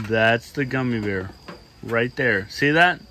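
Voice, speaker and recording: A young man co-hosting a hot-food challenge, bantering casually, yelling, swearing and laughing a lot. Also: mid-range voice, slow pace, a little hiss or hum.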